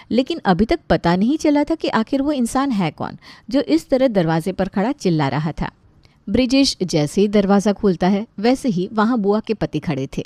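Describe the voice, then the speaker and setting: A woman's voice: mid-range voice, dark tone, dry recording. Chatty woman storyteller with playful asides, dry close read. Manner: chatty, joking asides to the listener. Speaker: narrator.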